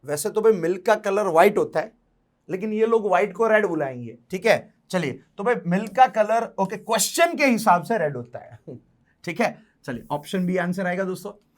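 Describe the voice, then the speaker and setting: A young male teacher talks through exam puzzles in a loose, bantering way. His voice sits high for a man. He slows right down whenever he reads a question aloud. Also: lively intonation. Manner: chatty, jokey, slows down to read English questions aloud. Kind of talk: casual explanatory lesson.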